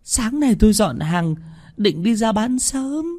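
A man voicing a terrified village woman who whimpers and pleads slowly. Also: sits high, animated, a little mellow, pitched above the performer's own voice, heavily acted. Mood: wailing, pleading.

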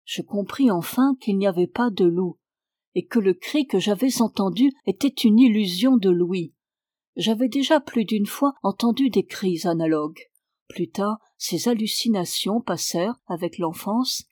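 A woman reading a classic story aloud in a measured, clear storytelling voice. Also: mid-range voice, darkish tone, no room sound, studio quality. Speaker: reader. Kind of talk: literary reading.

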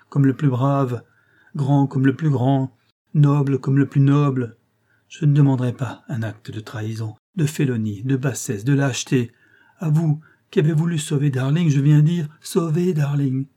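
A man reading an audiobook voicing a desperate mother who pleads emotionally with a detective, rising high as she begs. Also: steady tone, normal speed, dark tone, close to an everyday voice. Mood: pleading.

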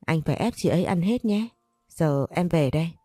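A woman's voice: sits low, expressive, moderate pace, mellow, no echo, studio quality. A woman reading the lines of a tearful, apologetic young female friend in a storybook tale. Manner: pleading, caring.

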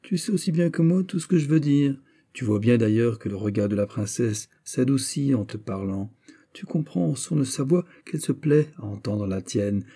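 A man's voice: mid-range voice, lively intonation, normal speed, warm tone. A man reading a spiteful scheming courtier. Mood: insinuating. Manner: insinuating, mocking, then exasperated.

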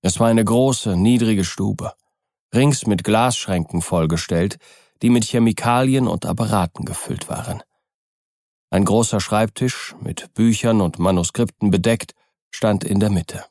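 A man narrating a classic novel as an audiobook, calm and even. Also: on the low side, measured pace, no room sound, clean studio sound. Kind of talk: scripted literary narration.

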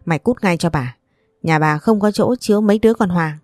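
A woman voicing a furious, foul-mouthed old grandmother who curses and scolds, with soft music behind. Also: fairly quick, dry recording, studio quality, lightly acted. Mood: scornful. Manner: cursing, shrill scolding.

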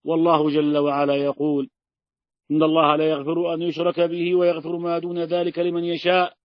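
Emphatic high-voiced male religious teacher. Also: monotone, a little fast, no room sound. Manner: emphatic, piles up scripture quotations. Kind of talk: explaining a classical text. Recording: dry, dull lo-fi sound.

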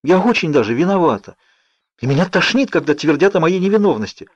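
A man's voice: fairly high pitch, sing-song, quick pace, no room sound, pitched above the performer's own voice. A man voicing a tearful guilty teenage girl. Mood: pleading. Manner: pleading, raised and strained. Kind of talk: audiobook reading. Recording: dull lo-fi audio.

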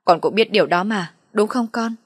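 Lady doing a whiny old mother-in-law, teary, loud, dry close sound. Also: mid-range voice, quick pace, slightly rough, no echo, lightly acted. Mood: tearful. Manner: tearful, complaining, theatrical. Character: wailing self-pitying old farm woman, mother-in-law.

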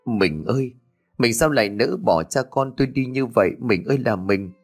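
A man's voice: mid-range voice, animated, moderate pace, slightly rough, soft background music. A man playing a sobbing young widower. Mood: grief-stricken. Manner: sobbing, choked lament. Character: grieving young peasant husband and father.

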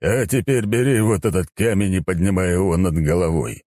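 A gruff, commanding combat instructor barks short orders in a deep, dark, low voice, as a male audiobook narrator puts him on. His delivery is slow and heavy, with a dry, close sound. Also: dry recording. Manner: curt barked orders. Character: stern, mighty male combat instructor, calm but commanding.

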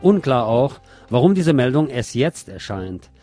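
Playing a radio host, a man with a mid-pitched, mellow voice reads a prepared article as scripted narration while music plays faintly in the background. He speaks a little slowly, with big swings in pitch.

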